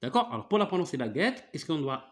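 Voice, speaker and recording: A man's voice: fairly high pitch, very animated, rapid-fire. A man teaching French one-on-one, patiently spelling out sounds and often checking "d'accord?". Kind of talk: one-on-one reading lesson.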